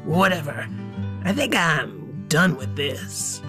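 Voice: medium pitch, big pitch swings, takes it slowly, music in the background. A storyteller voicing a cocky, bumbling young male police detective who is easily spooked. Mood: whiny.

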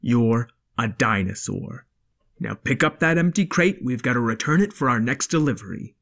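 A woman voicing a stern father dinosaur in a storybook, firm and lecturing in a lowered voice. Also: lively intonation, normal speed, gravelly, exaggerated voice. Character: stern, set-in-his-ways father dinosaur. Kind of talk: storybook character voice.

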